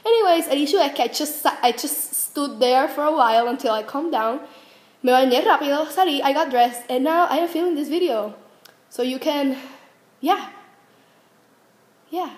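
A woman's voice: sits high, unhurried, pauses often. A young woman vlogging to camera, telling a story in a chatty, self-mocking way with lots of fillers. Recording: roomy echo.

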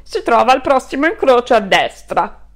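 A woman's voice: on the high side, sing-song, moderate pace, voice pushed up. A woman voicing a blunt, dismissive passerby in a storybook, speaking curtly.

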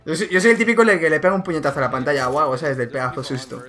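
A man's voice: fairly high pitch, fairly even intonation, rapid-fire, a bit bright. A young man giving casual, slangy reaction commentary on gaming clips and laughing often.

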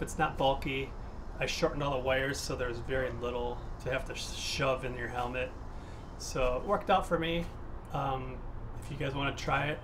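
A man in his thirties talking casually about his DIY gear setup in his home garage, relaxed and chatty with filler words. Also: medium pitch, background noise. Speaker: motovlogger.

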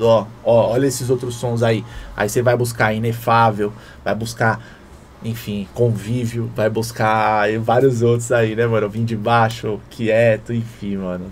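A man hosting a music reaction video, talking casually and excitedly in heavy slang. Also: mid-range voice, slight background noise. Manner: excited, slangy, keeps saying "mano". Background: hip hop track playing faintly.

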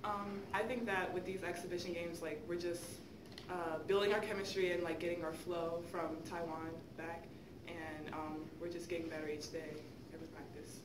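A young woman college basketball player answers reporters in a casual, filler-laden way. Her delivery is flat. She sounds distant in an echoey room with steady hiss. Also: lowish voice, normal speed. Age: young adult. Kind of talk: press conference answers. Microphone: table mic heard from a far camera.

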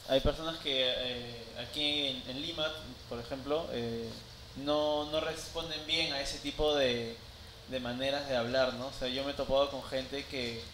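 A man in the audience asking a halting question, hesitant and full of fillers, away from the microphone. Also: medium pitch, steady tone, background noise. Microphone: off-mic, far from the microphone.

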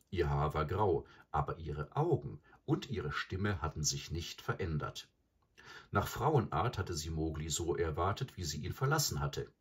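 A man narrating a classic tale as an audiobook in an expressive storytelling way. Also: low voice, breathy edge.

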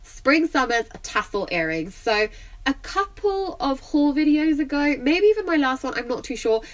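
A young woman talks through a shopping haul in a casual vlog, gushing enthusiastically over everything she picked up. Her voice sits fairly high. A blocked nose leaves it slightly croaky. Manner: gushing, enthusiastic, lots of "I love". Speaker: vlogger.

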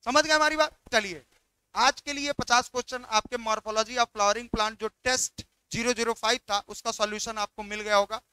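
A man's voice: very high voice, steady tone, normal speed, sharp tone, clean tone, no echo. A man teaching biology, walking through exam questions and coaxing students by repeating each question back.

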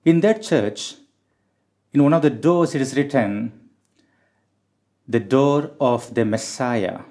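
A middle-aged male priest speaks from a chapel lectern with a medium-pitched voice. He delivers scripture and homily formally and deliberately, leaving plenty of time between phrases. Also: darkish tone. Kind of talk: Gospel reading and homily. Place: small chapel, indoors. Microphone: gooseneck lectern microphone.

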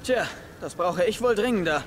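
A man's voice: sits high, expressive, normal speed. An actor playing a brash young male survivor leader in a video game, curt, impatient and sarcastic. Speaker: game character. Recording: game audio with clear background noise.

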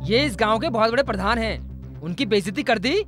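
A man dubbing a sly, scheming village brother in a film, mocking and theatrical, with loud film music behind. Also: high voice, lively intonation, brisk. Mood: angry. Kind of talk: Hindi film dub acting.

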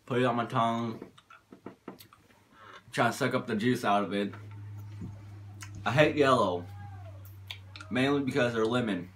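A man's voice: mid-range voice, fairly even intonation, moderate pace, long pauses, a little hiss or hum. A man in a casual vlog challenge, talking with his mouth full of sour candy. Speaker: challenge eater.

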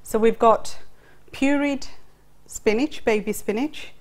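A middle-aged woman with a fairly high voice hosts a cooking show in an indoor studio kitchen, talking slowly through each step as she cooks. She wears a lapel mic, and pots and utensils clatter faintly in the background.

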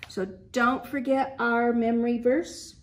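A woman leading a children's Bible lesson, telling a story gently and asking the little ones questions. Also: on the high side, slow, breathy edge. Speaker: children's program leader.

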